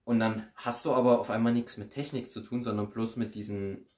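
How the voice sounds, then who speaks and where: A man's voice: fairly low pitch, little pitch movement, brisk, a little mellow. Slangy young-sounding guy in a roomy space. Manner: slangy, rambling, laughs often. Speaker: podcast guest. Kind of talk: casual chat. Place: recording room. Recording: roomy echo.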